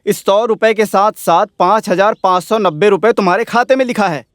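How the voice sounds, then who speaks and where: A man's voice: sits high, brisk, no echo, close to an everyday voice. A man dubbing a stern, dry-witted moneylender into Hindi who keeps count of every debt. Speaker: moneylender landlord.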